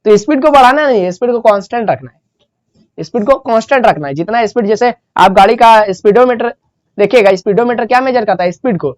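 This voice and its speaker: A woman's voice: fairly high pitch, brisk, a little mellow, no room sound. A woman teaching a physics lesson, explaining step by step and repeating the key terms. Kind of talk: classroom lecture.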